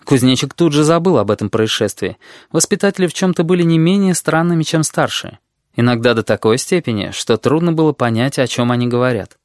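Expressive audiobook narrator, dry recording. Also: mid-range voice, fairly quick, dry recording. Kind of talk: scripted narration.

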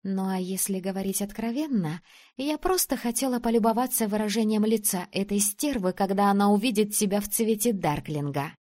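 A woman voicing a bold, sharp-tongued young female friend in an audiobook, with a teasing, bossy manner. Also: medium pitch, fairly quick, lightly acted. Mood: mischievous. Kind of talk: audiobook character voice.

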